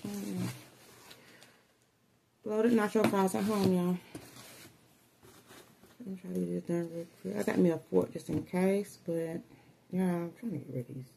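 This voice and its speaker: Woman, American accent, low voice, casual mukbang chat, chewing while talking, faint room noise. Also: steady tone, moderate pace, vocal fry, pauses often, mellow, poor audio. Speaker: mukbang vlogger. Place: small room at home, indoors. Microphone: phone at arm's length.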